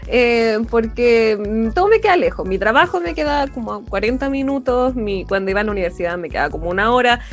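A young Chilean woman co-hosting a podcast, her voice pitched high and swooping through a very wide range. She tells stories animatedly, laughing often and acting out what people said. Faint music sits under her. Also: a little fast, few pauses. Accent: Chilean Spanish. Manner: animated storyteller, laughs often, acts out quotes. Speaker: podcast co-host. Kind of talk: casual chat.

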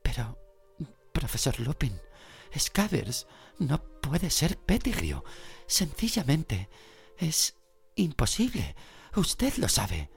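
A man voicing a clever teenage schoolgirl witch who speaks in a high, quick, earnest lecturing way. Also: wildly swooping pitch, soft background music.

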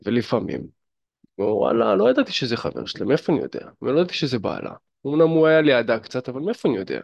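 A man's voice: medium pitch, huge pitch swings, vocal fry, no echo, highs cut off. A man giving casual dating and fitness advice straight to the listener, chatty and full of fillers. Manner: chatty, addresses listener directly, many fillers. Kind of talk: casual advice monologue to camera.

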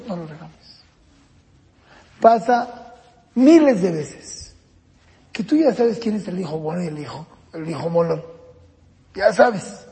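High, gravelly man teaching parents. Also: mellow. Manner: acts out parent-child exchanges while explaining. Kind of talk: lecture to parents. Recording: reverberant room with long echo.

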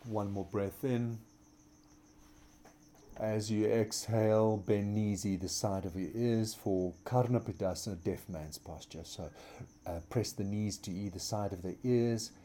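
A man leading a yoga class, giving calm, measured, soothing step-by-step cues for poses, breathing and relaxation. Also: fairly low pitch, slight background noise. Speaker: yoga instructor.

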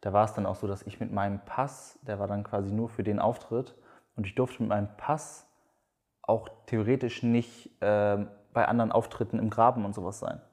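A young man co-hosting a podcast, chatting in a relaxed way and wrapping up the episode. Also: on the low side, normal speed. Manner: relaxed, chiming in with short agreements. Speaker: podcast co-host. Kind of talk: casual chat.

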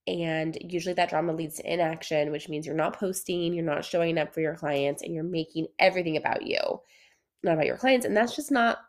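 A woman with a nasal, congested voice, sick with a cold, hosting a casual solo podcast as a coach and repeating phrases for emphasis. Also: lowish voice. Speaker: podcast host and business coach for estheticians.

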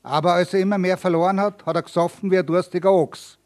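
A man's voice: high voice, steady tone, quick pace, a little mellow, lightly acted. A man reading aloud and voicing a blunt, earthy young tavern maid giving testimony. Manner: plain-spoken, earthy.

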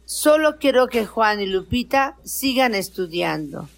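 A woman's voice: on the high side, a little slow, gravelly, exaggerated voice. An actress playing a hardworking, reproachful middle-aged mother in a radio drama. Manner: reproachful, steady.

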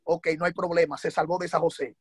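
Man, sermon, fast, acts out dialogue, high-pitched. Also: flat delivery, slightly rough, no room sound. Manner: fast, dramatic storytelling with acted dialogue. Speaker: preacher.

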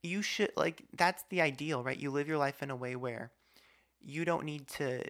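A man's voice: a little high, normal speed, a bit bright. A man hosting a casual podcast conversation, talkative and argumentative, with many asides. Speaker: podcast host.

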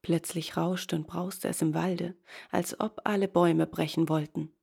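A woman reading a fairy tale aloud in calm storybook narration, voicing the figures as she goes. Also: lowish voice, a little slow, creaky, husky.

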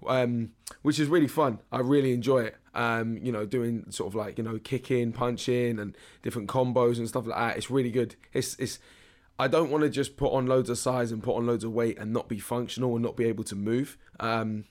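A young British man with a hoarse, worn-out voice, hosting a casual podcast in a jokey, slangy, rambling way. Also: medium pitch, steady tone, brisk. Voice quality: hoarse, strained voice. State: hoarse, losing his voice. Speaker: podcast host. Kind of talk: casual solo podcast chat.

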